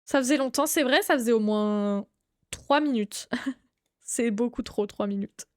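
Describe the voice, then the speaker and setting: A young woman chats with her live stream viewers in an unhurried way, saying hello to them by name and erupting in bursts of excitement. Her voice is fairly high, and there is no echo.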